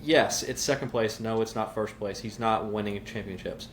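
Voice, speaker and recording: A man's voice: lowish voice, moderate pace, slight background noise. A man with a Southern US accent, a podcast co-host who argues his points firmly and at length in a casual debate.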